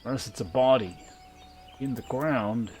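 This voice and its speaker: With game music playing, a man streams gameplay and chats loosely, reading viewer messages aloud with dry sarcasm and plenty of swearing. His medium-pitched voice is somewhat dark and measured in pace.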